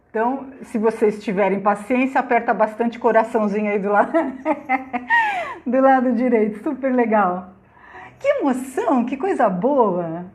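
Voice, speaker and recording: A middle-aged Brazilian woman hosting a casual live stream from her phone, loud and chatty, greeting viewers by name and laughing often. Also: fairly high pitch. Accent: Brazilian Portuguese. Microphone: phone on laptop.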